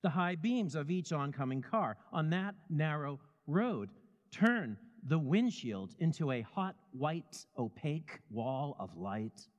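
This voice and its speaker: A man telling a story in second person with a measured, vivid delivery. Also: on the high side, sing-song, big-room sound, muffled recording. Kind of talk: scripted second-person narration.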